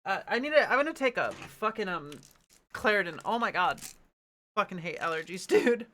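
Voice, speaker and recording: A man's voice: sits high, animated, normal speed, bright, forceful tone. A man reading a storybook aloud and chatting casually, with a playful, sweary manner. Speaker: amateur book reader. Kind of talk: casual chat and storybook narration.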